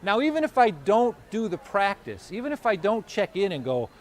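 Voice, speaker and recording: A man giving a live self-help talk at an expo, conversational and animated, acting out his own inner voice. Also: high voice, moderate pace. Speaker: motivational speaker. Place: expo hall or venue.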